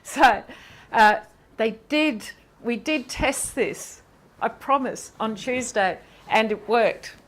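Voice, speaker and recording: A woman professor talks through a seminar lecture in a hall, her voice sitting a little high. She moves between explanation and quick asides to the listeners. She keeps it conversational. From Ireland. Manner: lively, quick asides, laughs with the audience. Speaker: university professor giving a seminar. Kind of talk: lecture with audience questions.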